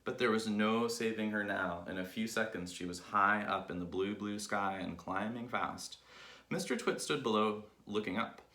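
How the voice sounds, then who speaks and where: A man reading a children's book aloud with lively, expressive storytelling, in an echoey room. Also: fairly low pitch, normal speed. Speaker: reader.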